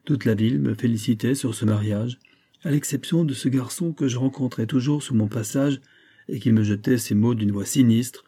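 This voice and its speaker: An old gunsmith worn down by grief tells his own sad story, as a man reads him. His voice is very dark and mellow, with a husky edge, and he speaks in an emotional, confiding way, like a character in a spoken storybook. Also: mid-range voice, normal speed. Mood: grieving. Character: grieving old Genevan gunsmith, tender, despairing.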